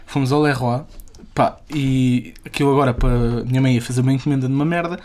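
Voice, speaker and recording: A man's voice: medium pitch, fairly even intonation, fast talker, darkish tone. A young man with a European Portuguese accent co-hosting a casual podcast from home, with loose, swearing, laughing banter. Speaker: podcast co-host. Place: home room.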